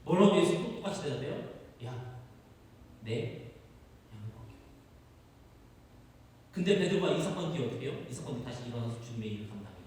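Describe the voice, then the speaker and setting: A man's voice: mid-range voice, steady tone, very fast, hardly any pauses, darkish tone. A male pastor preaching a sermon, often asking the congregation questions and acting out quotes, heard far off in a chapel hall. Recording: echoey hall, far from mic.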